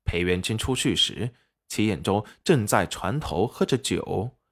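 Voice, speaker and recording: A man narrating a serialized web novel audiobook with expressive storytelling. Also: lowish voice, measured pace.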